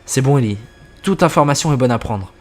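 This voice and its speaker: A man's voice: medium pitch, expressive, a little fast, lightly acted. A man reading the lines of a frightened male doctor who asks tense, hesitant questions in a scripted horror story. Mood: anxious. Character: frightened male doctor, the first-person narrator.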